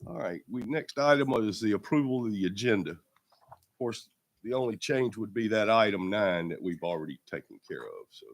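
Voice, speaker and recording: A man's voice: on the low side, lively intonation, dry recording. Man with a cold, sounding boxed-in. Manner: plain, matter-of-fact, halting procedural talk. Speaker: board chairman running a county meeting. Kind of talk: formal meeting procedure.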